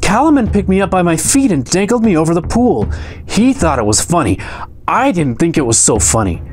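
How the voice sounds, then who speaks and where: A jumpy little halfling, put on by a man, whose voice jumps up high and cracks into shrill alarm. He sounds timid and scared, and his pitch swings wildly as the panic rises. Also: very animated, a little fast, a little hiss or hum. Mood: fearful. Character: frightened male halfling companion, timid and jumpy.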